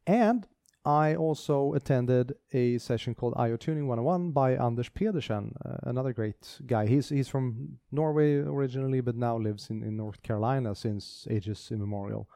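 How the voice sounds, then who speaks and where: A man's voice: medium pitch, moderate pace, gravelly, mellow, no echo, studio quality. A man co-hosting a casual tech podcast, talking with enthusiasm and frequent restarts. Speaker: podcast co-host.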